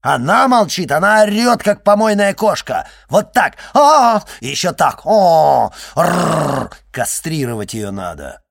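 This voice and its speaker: A man voicing a loud, crude, spiteful schoolgirl who is stuck on a sofa and shouts and mocks in fast rants. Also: a little high, sing-song, dry recording, studio quality, pitched above the performer's own voice. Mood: mocking.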